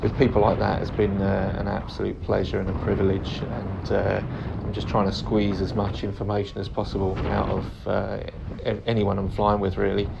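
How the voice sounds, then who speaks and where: A man giving a calm, understated and hesitant casual commentary on his own flight video, pausing often. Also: on the low side, muffled recording. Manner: calm, understated, hesitant delivery with frequent pauses. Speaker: paraglider pilot narrating own flight video. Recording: clear steady background noise, vehicle-like ambience.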